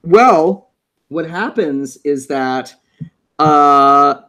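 A man's voice: on the high side, expressive, very slow, bright, forceful tone. A man co-hosting a casual show recap, playful and jokey. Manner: playful, jokey, puts on silly voices. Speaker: podcast co-host.

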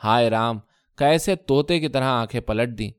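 A man voicing a quarrelsome middle-aged first wife who taunts and shouts in a sharp voice. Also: medium pitch, clean tone, no echo, studio quality, natural voice. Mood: shrieking.

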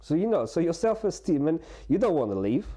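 Man in his forties, warm low-key tone, earnest, stumbles and restarts a lot. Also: big pitch swings, breathy edge. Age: 40s. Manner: halting, full of restarts and fillers; earnest and open. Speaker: guest. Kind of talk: candid personal conversation.

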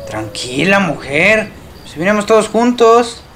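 Esqueleto padre de familia, voz de hombre, mexicano, cansado, lento, calma a su esposa. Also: male voice, high-pitched, measured pace, slight background noise, exaggerated voice. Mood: soothing. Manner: exasperated, soothing, groaning. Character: fussy skeleton family father, ghost.

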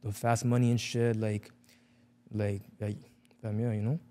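Mellow young Toronto man, heavy street slang. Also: on the low side, flat delivery, measured pace. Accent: Toronto urban slang accent. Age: young adult. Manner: slang-heavy, emphatic repetition. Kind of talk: casual chat.

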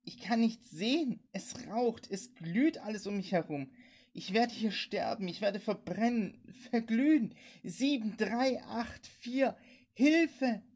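A frightened woman screams for rescue over a crackling CB channel, her voice pitched high above the reader's own and rising into loud, sobbing pleas. A woman reader puts her on with a husky edge. The delivery stays frantic and desperate throughout. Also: lively intonation, takes it slowly. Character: terrified woman calling for help over CB radio.

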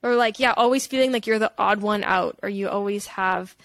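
A Canadian woman, a holistic nutritionist appearing as a podcast guest, talks candidly and reflectively in a casual interview. Her mid-range voice is a bit bright and fairly quick, with no echo. She rambles, leaning heavily on the filler "like."

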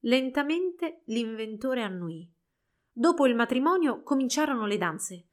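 A woman reads a storybook aloud in an expressive, measured way. Her voice sits fairly high. She paces the tale with care. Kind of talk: storybook narration.

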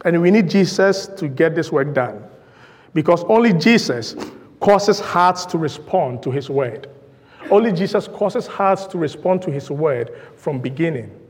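A man's voice: fairly high pitch, lively intonation, a little slow, long reverb tail. A male pastor preaching a sermon in a church, emphatic and rhythmic, driving points home through repetition. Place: church sanctuary.

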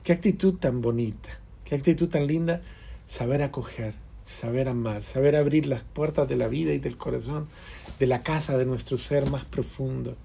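Man, husky voice, fervent sermon, loud then hushed. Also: mid-range voice, moderate pace. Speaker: radio preacher.

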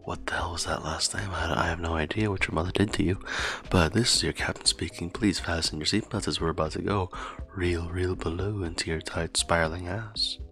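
A man voicing a submarine captain making a mock intercom announcement, hushed and half-whispered. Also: low-pitched, fairly even intonation, brisk, faint music behind. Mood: mock-official. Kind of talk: joking banter between coworkers.

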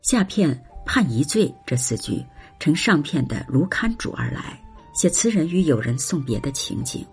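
A reader slowly reciting a classical poem with expressive, drawn-out phrasing, then explaining its lines and meaning. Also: soft background music. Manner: drawn-out, expressive delivery with wide swings in pitch. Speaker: poetry reciter and commentator. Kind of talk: slow poetry recitation then explanatory commentary.

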